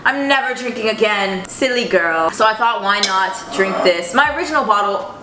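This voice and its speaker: A woman's voice: mid-range voice, animated, normal speed, background noise. A woman in her twenties chatting casually to camera in her home kitchen, rambling and playful. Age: 20s. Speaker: vlogger. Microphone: fixed camera on counter. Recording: echoey kitchen room.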